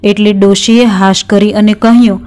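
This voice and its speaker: Here a middle-aged woman narrates a devotional folk tale, her voice clear, smooth and set at a normal middle pitch. She stays calm and unhurried like a storyteller, never shifting voices, so the quoted dialogue sounds just as plain and steady as the narration around it.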